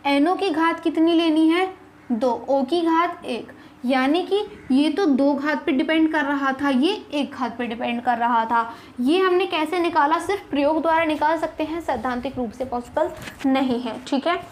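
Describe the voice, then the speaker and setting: A young woman teaches an online chemistry lesson in a high voice at a moderate pace, with a slight hiss or hum in the audio. She goes through each problem step by step, asks rhetorical questions, and reassures her students, whom she calls kids.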